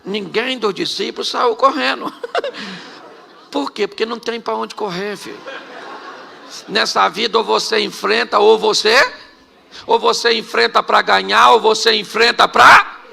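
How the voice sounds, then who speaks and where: A Brazilian man preaching a humorous storytelling sermon, animated and joking, often laughing between phrases. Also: sits high, unhurried, gravelly. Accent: Brazilian Portuguese. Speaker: pastor.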